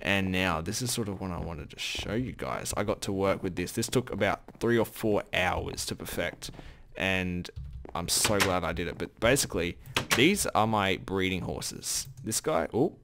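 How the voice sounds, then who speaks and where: A man's voice: deep voice, lively intonation, normal speed, gravelly, fairly bright tone, a little hiss or hum. A man giving casual gameplay commentary as the host of his own let's play, rambling and often correcting himself. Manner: rambling, self-correcting, chatty.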